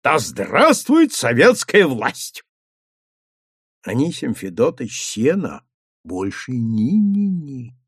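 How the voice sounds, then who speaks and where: Мужчина читает рассказ вслух как выразительную аудиокнигу. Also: male voice, fairly high pitch, dry recording, studio quality. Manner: dramatic, animated storytelling. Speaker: narrator. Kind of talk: expressive audiobook reading.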